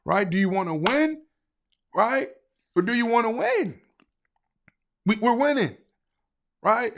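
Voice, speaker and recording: A man hosting a live sports talk stream, reading viewer comments in an animated way and often asking "right?". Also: on the high side, vocal fry.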